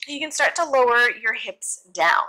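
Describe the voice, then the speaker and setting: Young woman, bright forward voice, casual yoga-teacher delivery, encouraging and informal, for an instructional demo. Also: on the high side, animated, normal speed, low-quality recording.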